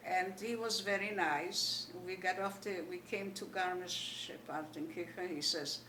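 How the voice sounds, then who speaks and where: An elderly woman from Poland with a Yiddish accent tells her life story in an animated way, retelling remembered dialogue. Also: lowish voice, measured pace. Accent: Polish Yiddish. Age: older, 80s. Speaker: Holocaust survivor giving testimony. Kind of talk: oral history storytelling. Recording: echoey room, distant mic, faint noise.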